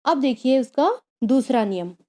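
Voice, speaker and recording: A woman's voice: high voice, animated, normal speed, mellow. A woman teaching a grammar lesson, explaining patiently, repeating key terms and asking rhetorical questions. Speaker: Sanskrit teacher.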